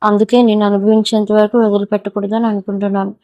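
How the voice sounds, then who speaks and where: A woman's voice: medium pitch, little pitch movement, fast talker, no room sound, dull audio, natural voice. A woman voicing a domineering, vengeful young man who taunts and threatens his former lover in an audio story. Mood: taunting.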